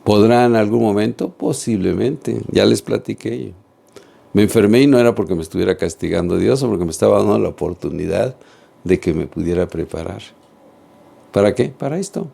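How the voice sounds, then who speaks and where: Man, religious teaching, earnest, low gravelly voice, husky tone. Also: animated, a little fast, warm tone. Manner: earnest, addresses viewers directly with questions. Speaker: catechist.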